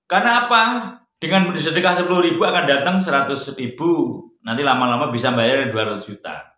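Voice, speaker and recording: Man teaching in a roomy space. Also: normal speed. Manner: conversational, swings from loud emphatic peaks to quiet low asides. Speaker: religious teacher. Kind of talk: informal religious study talk. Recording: roomy echo.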